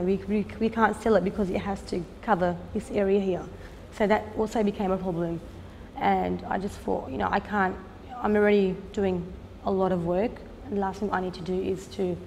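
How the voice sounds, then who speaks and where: In a documentary interview, a fashion designer and business owner from Australia, a woman in her thirties, talks about her work in a mellow, mid-range voice. She is earnest and unhurried, with frequent "um" pauses, in a room with a long reverb and faint background noise.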